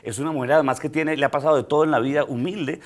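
A middle-aged Colombian comedian, guesting on a studio talk show, tells a personal story in a fairly high, fairly even voice at a very fast clip. The chat is casual, peppered with hesitations and laughter.

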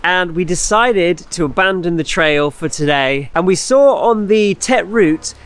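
A man's voice: high-pitched, expressive, unhurried, smooth. Upbeat man vlogging on the road. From Britain. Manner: chatty, upbeat, addresses viewers as guys. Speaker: motorbike travel vlogger. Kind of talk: casual vlog narration to camera. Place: outdoors and in a cafe, on the road in rainy weather.

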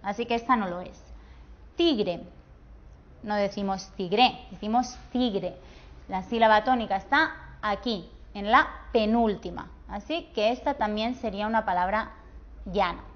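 A woman with a Peninsular Spanish accent teaching a grammar lesson, saying example words slowly and clearly. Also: mid-range voice. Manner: slow, clear, drawn-out pronunciation of example words. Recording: dull, lo-fi sound.

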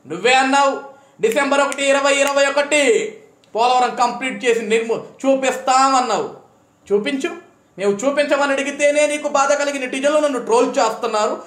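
A man with a strikingly high voice mocks and taunts an opponent in an angry political rebuttal. He stretches his jeering phrases out slowly. The recording carries a roomy echo. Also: fairly bright tone. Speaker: party supporter answering a politician.

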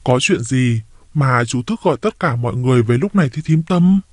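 A man reading a story aloud, voicing a sharp-tongued older sister who scolds and defends her sibling. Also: medium pitch, lively intonation, a little fast, no echo, studio quality, natural voice. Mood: worried.

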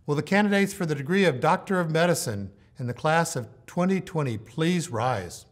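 An older man speaks with slow, solemn deliberation, giving a formal ceremonial address. He was recorded indoors in a hall, framed in a mid shot. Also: fairly high pitch, animated. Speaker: dean leading the oath. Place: hall with organ pipes behind, indoors.

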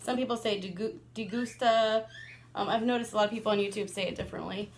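A woman and mother vlogging a casual product review, chatty and excitable, laughing often. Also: medium pitch, very fast, vocal fry, slight background noise.

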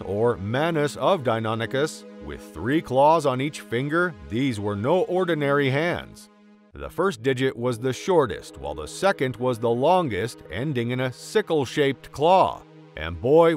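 A man reading scripted nature documentary narration with a dramatic, theatrical storytelling delivery. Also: mid-range voice. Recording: music behind the voice. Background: background music.

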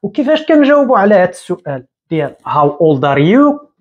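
A man in his thirties with a Moroccan Arabic accent, teaching English at a whiteboard and repeating each word slowly. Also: sits high, sing-song, a little mellow, muffled recording. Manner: explains slowly, repeating words and drawing them out. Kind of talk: whiteboard lesson. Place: small room indoors at a whiteboard.

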